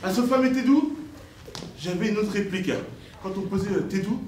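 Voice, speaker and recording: A man from Normandy doing a stand-up comedy set, jumping high for quoted voices and dropping low for asides. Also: brisk, a loud crowd. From Normandy, France. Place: stage in an echoey hall. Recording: echoey, distant live recording, noisy.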